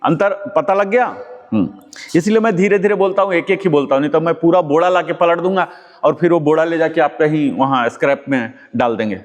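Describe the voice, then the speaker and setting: A man's voice: on the high side, brisk. A man leading a yoga class, giving patient step-by-step instructions and quizzing his students. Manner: patient, repeats key words and quizzes students. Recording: long hall reverb.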